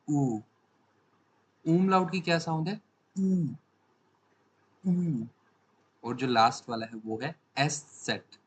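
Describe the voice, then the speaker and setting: A man's voice: mid-range voice, slight background noise, low-quality recording. A man teaching a language lesson from slides. He asks a question, then answers it, and repeats each word twice.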